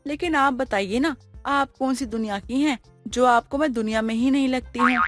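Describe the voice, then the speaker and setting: A woman voicing a soft-spoken, patient young daughter-in-law who talks slowly and gently in an animated moral story. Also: on the high side, dry recording, lightly acted.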